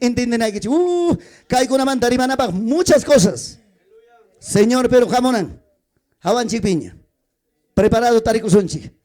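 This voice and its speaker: A man's voice: very high voice, mellow. A man with an Andean Peruvian Spanish accent preaching a sermon at a church gathering, moving between Quechua and Spanish and acting out little family scenes. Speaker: pastor.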